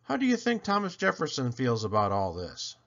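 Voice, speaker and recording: Reading a kids' picture book in a lively storyteller manner, this man swoops playfully and delivers lines with dramatic emphasis. His mid-range voice moves a little fast and carries vocal fry, while the audio sounds dull.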